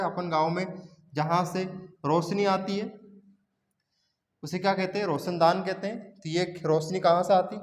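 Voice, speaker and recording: A male teacher, giving an exam-prep lesson. He keeps asking questions and answering them himself, calling students "beta". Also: high voice. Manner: sings film song snippets as memory aids. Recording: echoey room, long reverb.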